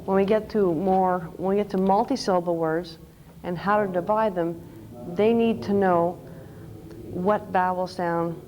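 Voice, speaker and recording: A woman's voice: lowish voice, fairly even intonation, unhurried, a little mellow, a little hiss or hum, low-quality recording. A woman presenting a conference workshop on teaching reading, explaining step by step and spelling out letters. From Canada. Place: conference session room. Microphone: microphone.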